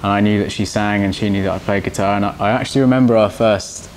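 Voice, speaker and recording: A young man who plays guitar in a band answers slowly and haltingly, restarting his sentences often. His voice sits fairly low, and a faint background hiss runs under it. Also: steady tone. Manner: halting, many restarts and fillers. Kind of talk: casual interview answers.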